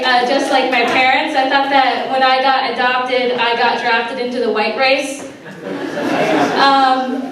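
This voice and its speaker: High-voiced woman doing halting stand-up. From Sri Lanka. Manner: hesitant, lots of ums and uhs, deadpan. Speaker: stand-up comic. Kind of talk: stand-up comedy set. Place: college open mic room with audience. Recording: roomy hall recording from far off with crowd.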